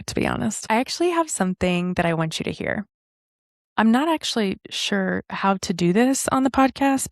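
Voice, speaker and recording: A woman hosting a podcast and speaking in an earnest, reflective way. She slows down to stress key lines. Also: mid-range voice, creaky, dry recording, clean studio sound. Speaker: podcast host.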